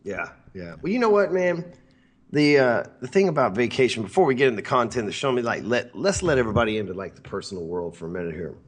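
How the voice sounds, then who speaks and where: Very animated and fast, a man with a medium-pitched voice hosts a sales podcast. He rambles brashly and swears freely in casual podcast talk.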